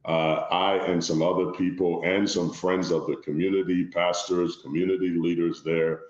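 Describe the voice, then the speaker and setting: Liberian-born man guest, very low voice, formal and measured, echoey dull remote audio. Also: little pitch movement. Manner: measured, formal, repeats "long story short". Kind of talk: interview conversation.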